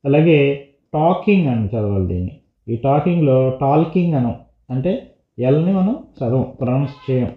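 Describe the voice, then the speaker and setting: A man's voice: mid-range voice, expressive, normal speed. Man teaching English words in Telugu. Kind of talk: textbook lesson explanation. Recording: echoey room on a tinny phone-like line.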